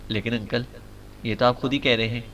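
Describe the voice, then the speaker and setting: A man's voice: medium pitch, fairly even intonation, a bit bright, far from the mic, slight background noise, close to an everyday voice. A man voicing a playful young male secret agent who banters in a teasing, mock-bashful way.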